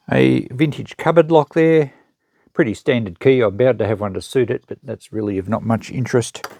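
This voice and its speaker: An Australian man presenting an unboxing, who also sells at a secondhand shop, talks casually and matter-of-factly while thinking aloud and showing items, unscripted. His medium-pitched voice is gravelly and darkish, recorded at studio quality with no room sound.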